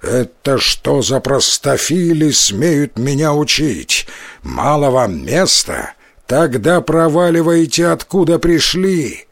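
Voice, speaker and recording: Man reading a rude storybook giant, slow, lively, indignant. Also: fairly high pitch, no echo, studio quality, exaggerated voice. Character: rude angry giant man, self-proclaimed strongest.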